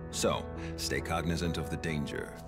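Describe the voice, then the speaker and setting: Game role: solemn, formal guide, bottomless gravelly voice, measured delivery. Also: male voice, lively intonation, exaggerated voice. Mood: solemn warning. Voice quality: deep, gravelly. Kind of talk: scripted video game acting. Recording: loud music underneath.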